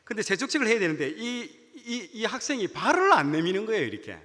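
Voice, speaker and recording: Animated preacher, man, high bright voice, echoing church hall. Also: fast talker. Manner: animated storytelling, acts out dialogue. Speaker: junior pastor. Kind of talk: sermon with personal story. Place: church sanctuary.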